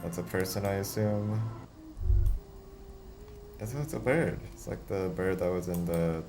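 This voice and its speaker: A man's voice: low-pitched, a little slow, music in the background. A man giving casual, chatty commentary while playing a video game. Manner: chatty, laughing, self-talking. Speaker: let's play host.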